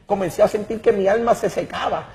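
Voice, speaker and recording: A man's voice: sits high, brisk, darkish tone. A man giving an impassioned religious testimony, emphatic and dramatic, often repeating words as he searches for them.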